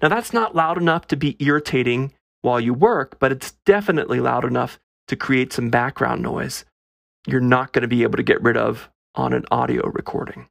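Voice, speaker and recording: A man's voice: mid-range voice, creaky, fairly bright tone, dry recording, clean studio sound. A man hosting a casual solo podcast, talking in a wry, conversational way, recorded on a phone microphone held up to his face. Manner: conversational, wry and self-deprecating. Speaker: podcast host.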